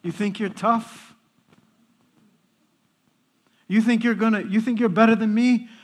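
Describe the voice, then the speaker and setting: A man's voice: high-pitched, steady tone, brisk, pitched above the performer's own voice, lightly acted. A man voicing a belligerent male prison inmate who taunts and confronts, while retelling a story in church. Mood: taunting.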